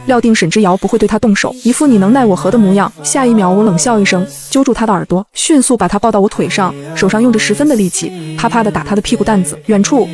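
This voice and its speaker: A woman narrating a comedic web novel as a scripted audiobook, playful and lively, slipping into character voices. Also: medium pitch, fast talker, hardly any pauses, over music.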